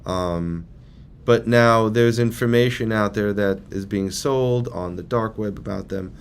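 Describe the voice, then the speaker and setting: A man's voice: on the low side, a little slow, creaky, slight background noise. A man leading a training session, talking to a group in a casual, rambling, conversational way. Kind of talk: casual informal presentation to a group.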